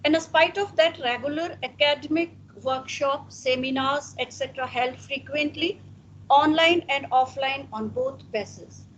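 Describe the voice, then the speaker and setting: A woman slowly reading out an introduction to astrology courses in an online class over a video call, with measured pauses. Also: high voice, a bit bright, a little hiss or hum, poor audio. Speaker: student presenter at an astrology class.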